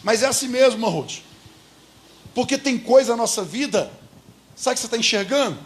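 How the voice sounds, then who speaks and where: Male pastor, Brazilian accent, high voice, emphatic sermon full of questions to the congregation. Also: expressive, a little fast. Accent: Brazilian Portuguese. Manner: emphatic, keeps asking the congregation rhetorical questions. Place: church.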